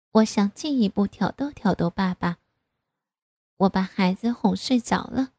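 A woman reading a first-person story aloud in a slow, even way. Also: medium pitch, no room sound. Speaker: narrator.

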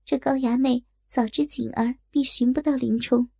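A woman narrating a story in a slow, deliberate storytelling manner. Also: high-pitched, steady tone, vocal fry, mellow, dry recording, studio quality.

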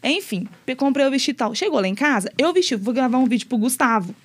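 A young woman on a podcast tells her story at a quick clip in a fairly high voice. She is lively and animated, slipping into the voices of the people she quotes. It sounds like casual, easygoing conversation. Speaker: guest, mother sharing her story.

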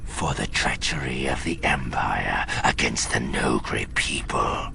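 A man's voice: a bass voice, lively intonation, unhurried, a little hiss or hum, voice pushed down, exaggerated voice. A man whispering as Rook, a cold alien assassin. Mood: coldly vengeful. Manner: hushed breathy whisper. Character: cold male alien assassin bodyguard, quiet and vengeful. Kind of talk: audiobook reading. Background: music.

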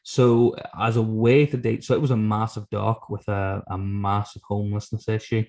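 Low-voiced man telling rambling stories. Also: level tone, normal speed, darkish tone. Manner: rambling, self-deprecating, sweary. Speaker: guest author telling stories from his book. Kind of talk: casual anecdotal chat.

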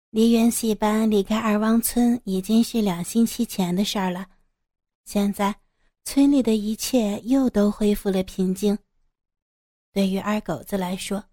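Brief: woman storyteller reading a serialized story, calm and steady, mellow and dry. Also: medium pitch, no room sound. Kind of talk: scripted audio story narration.

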